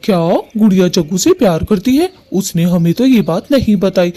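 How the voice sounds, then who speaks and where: Guy voicing a strict dad bird in a cartoon, bossy, kinda high but soft toned. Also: lively intonation, moderate pace. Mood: stern. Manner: stern, commanding. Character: stern father bird, protective of his daughter. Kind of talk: Hindi cartoon voice acting.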